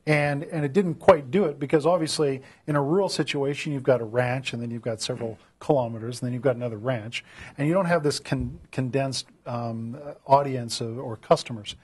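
Chatty husky male interview host. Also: mid-range voice, steady tone, brisk, a little mellow. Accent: Canadian. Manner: chatty, rambling, many fillers. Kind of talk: casual interview. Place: studio.

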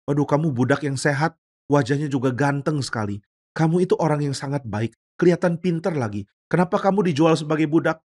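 A man's voice: a little high, a little fast, a little mellow, lightly acted. A man voicing a wealthy master who speaks in a bossy, talkative way. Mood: jovial. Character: wealthy master, jovial then stern.

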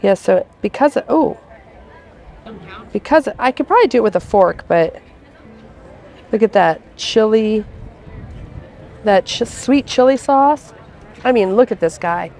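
A woman's voice: mid-range voice, lively intonation, unhurried, pauses often, a little mellow. Chatty woman reviewing festival food. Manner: chatty, lots of "like" fillers. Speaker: food vlogger. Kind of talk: casual food review chat.

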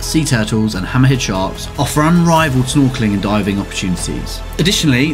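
A man reading scripted nature documentary narration in a measured, polished way. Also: medium pitch. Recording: music behind the voice. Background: background music.

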